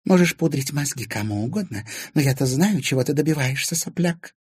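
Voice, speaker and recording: A man doing a shrill scheming stepmother. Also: expressive, a little fast, a little mellow, slightly rough, dry recording. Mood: sneering. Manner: shrieking, sneering, two-faced.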